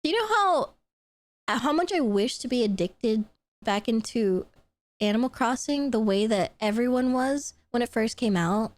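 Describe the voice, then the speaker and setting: A woman streamer chats with her audience in a high, bouncy voice that swoops up and down as she gushes. Her laughs break into squeals, and she swears casually. The sound is dry and close. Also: normal speed, no echo. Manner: excitable and gushing, squealing laughs, swears freely. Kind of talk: casual chat.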